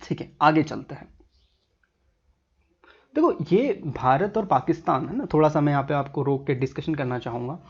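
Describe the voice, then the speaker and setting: A man's voice: fairly high pitch, animated, moderate pace, long pauses, slightly rough, muffled recording. A man teaching a history lesson over a map, in a casual, chatty way, talking straight to the viewer.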